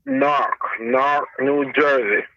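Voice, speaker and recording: Male, thick Jamaican accent, sharp bright tone, casual talk on a dull, dry phone line. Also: medium pitch, slow, no echo. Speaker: company truck driver being interviewed. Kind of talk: casual conversation. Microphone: phone call. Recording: muffled, band-limited phone line.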